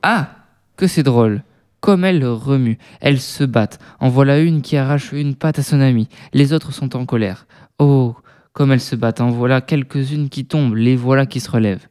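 Cheeky squabbling little boy, as a woman puts him on, lowered voice, teasing and mock-polite, storybook reading. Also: normal speed, dark tone, no room sound, studio quality. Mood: excited.

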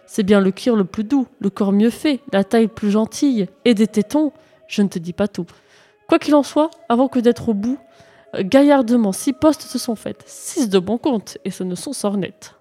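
Boastful young man, voiced by a woman reader, gleeful bragging, mellow voice, verse storybook. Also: a little high, moderate pace, natural voice.

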